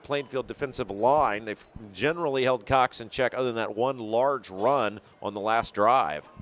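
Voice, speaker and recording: Male play-by-play caller for high school football, even mid pitch, surges on big plays. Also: moderate pace. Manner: rises sharply and loud on big plays. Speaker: play-by-play announcer.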